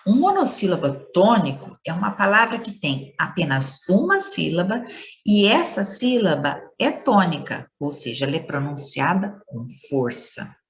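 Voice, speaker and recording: A woman's voice: fairly low pitch, sing-song, moderate pace. A woman teacher giving a playful lesson to schoolchildren, stretching words and leaning hard on stressed syllables.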